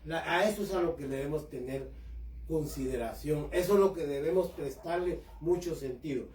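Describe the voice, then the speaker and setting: A man's voice: a little high, normal speed, darkish tone. A man preaching a sermon, speaking with impassioned fervor and calling his listeners brothers. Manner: impassioned, addresses congregation as brothers. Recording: echoey room, voice far from mic.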